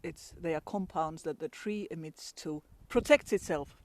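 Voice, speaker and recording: Speaking at a normal pace in a low voice, a Finnish-accented woman from Finland vlogs her travels from a pine forest. The audio has no echo, and her casual chatter is broken up by frequent laughter and restarts.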